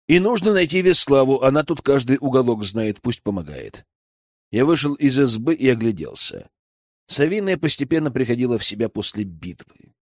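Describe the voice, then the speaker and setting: A man's voice: medium pitch, dry recording. A man reading a first-person audiobook with wry, ironic asides, close to the mic. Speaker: audiobook narrator.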